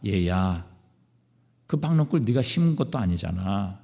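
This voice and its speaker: A man voicing God as a gentle father who reasons tenderly with his prophet, in a reverberant church. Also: lowish voice, sing-song, normal speed, vocal fry, voice pushed down. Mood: fatherly. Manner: tender, coaxing explanation.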